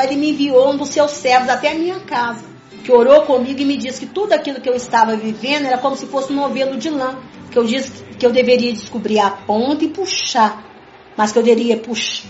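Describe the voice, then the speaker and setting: A high-pitched woman talks through her faith in an earnest, emphatic way, circling back to the same points and calling out to her listeners again and again. Her voice bounces around a reverberant room. The sound is dull and muffled, with soft music underneath. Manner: repetitive, keeps addressing listeners as "gente". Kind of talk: conversational religious talk.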